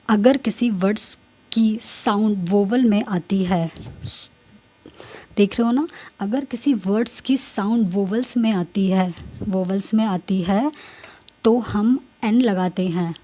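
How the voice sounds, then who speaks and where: A woman's voice: medium pitch, warm tone. A woman teacher explaining a grammar lesson to students, repeating her points and checking in with them often.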